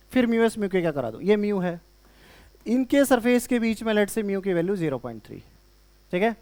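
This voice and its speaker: A man with a high-pitched voice teaches a classroom physics lesson. He talks in Hindi mixed with English terms and keeps firing questions at his students. He sounds lively and conversational, as he would in front of a live class. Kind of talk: classroom lecture.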